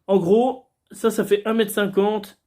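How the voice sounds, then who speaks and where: A man's voice: high-pitched, flat delivery, unhurried, dark tone, echoey room. A man alone at home, chatting casually and crudely to his camera while unboxing. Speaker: vlogger. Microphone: camera filming him.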